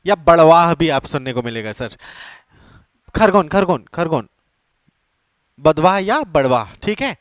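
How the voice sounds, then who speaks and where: A high-pitched man lectures to an exam coaching class. He repeats each key term several times and keeps checking that his students follow, mixing English words into his teaching. The sound is dry and close, with little room echo. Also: expressive, a little slow, long pauses.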